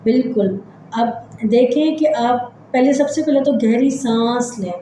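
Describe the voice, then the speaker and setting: A woman hosting a psychology channel, gently leading listeners through a body scan meditation with slow, repetitive step-by-step guidance. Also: a little high, heavy reverb, a little hiss or hum, low-quality recording.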